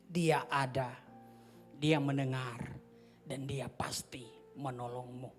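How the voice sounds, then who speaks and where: A man preaching a sermon as a pastor in a church hall, impassioned, swinging between near-shouts and whispers. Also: medium pitch, fairly even intonation, slow, faint music behind.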